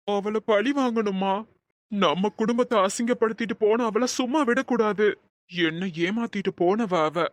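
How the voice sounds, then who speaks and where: A woman's voice: fairly high pitch, no room sound, lightly acted. A woman voicing a hurt, resentful young husband in a storybook drama, talking plaintively to his mother. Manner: plaintive, sulking.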